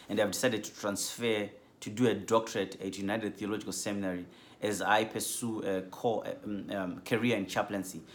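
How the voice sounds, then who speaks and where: A man from Zimbabwe giving a measured, earnest class introduction as a doctoral theology student, with frequent ums. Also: lowish voice, a bit bright.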